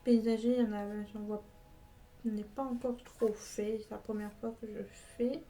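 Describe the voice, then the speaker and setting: A woman's voice: mid-range voice, flat delivery, moderate pace, dark tone, rough recording. A woman talking through her finished puzzles in a casual vlog, hesitant, with many filler sounds and restarts. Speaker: puzzle vlogger.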